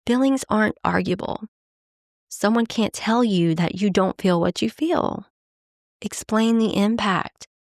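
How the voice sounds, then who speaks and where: Woman with a gravelly voice giving casual advice. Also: mid-range voice, unhurried, no room sound, clean studio sound. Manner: relaxed, conversational, acts out example lines. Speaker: podcast host.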